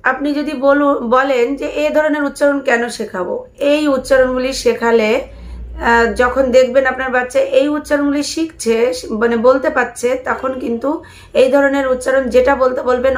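A woman hosting a speech-tips channel, patiently teaching parents sounds in a slow spoken lesson, repeating syllables clearly. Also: high-pitched.

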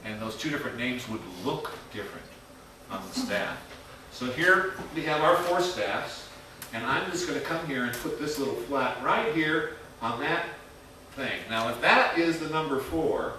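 A man's voice: mid-range voice, lively intonation, moderate pace, bright, forceful tone, a little hiss or hum. Echoey far-off man teaching music theory. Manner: chatty, quizzes the class with "right?" asides. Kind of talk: casual classroom teaching. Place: classroom workshop with students. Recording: very echoey room, mic far off.

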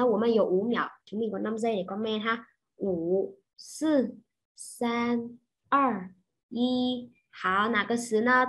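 A woman's voice: fairly high pitch, bright, forceful tone. Vietnamese woman teaching a lesson. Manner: patient, checking in with the class. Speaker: Chinese teacher. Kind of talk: online language lesson.

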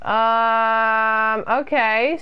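Streaming a horror game from a small room, a young UK woman talks very slowly in a slightly high voice with fairly even intonation and a clear, resonant tone, though the audio is dull. She's chatty and self-deprecating, reading her chat aloud and responding to it.

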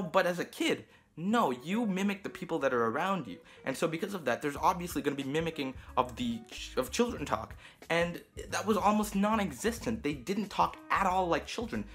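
A man's voice: on the high side, fairly bright tone. A teenage boy reviewing a book in a casual, rambling way, emphatic and often restarting his sentences. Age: teens.

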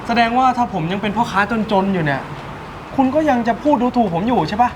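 A man playing a wealthy man disguised as a poor fruit vendor, who talks in a calm, lecturing way. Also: sits high, quick pace, noisy background. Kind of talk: short-film drama acting. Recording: music playing underneath. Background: background music.

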